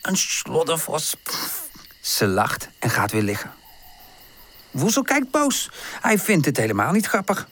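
A woman reading a children's storybook aloud with gentle, expressive narration. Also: low voice, unhurried, pauses often. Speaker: audiobook narrator.

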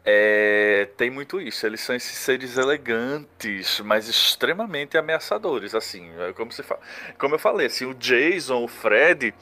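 A man co-hosting a casual podcast discussion, often pausing and restarting as he searches for words. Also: medium pitch, animated, bright, forceful tone. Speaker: podcast co-host.

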